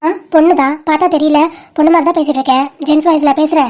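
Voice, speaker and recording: A woman's voice: high voice, steady tone, rapid-fire, a little mellow, natural voice. A woman voicing a fiery, quarrelsome young college girl in an amateur cartoon, scolding and threatening shrilly. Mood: angry. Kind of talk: amateur animated cartoon dub.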